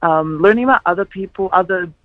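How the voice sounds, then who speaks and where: A woman's voice: fairly low pitch, fast talker, dry recording. A nineteen-year-old woman, an upbeat guest talking with many fillers and laughs on a radio show. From New Zealand. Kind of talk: phone-in radio interview. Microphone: phone. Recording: tinny phone line.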